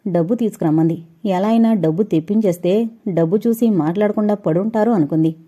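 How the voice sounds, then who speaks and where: A woman reads an audio novel aloud in a steady, even storytelling voice. Her tone is mellow and warm, of middling pitch. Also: fairly quick, husky. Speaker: narrator. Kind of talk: scripted audio novel narration.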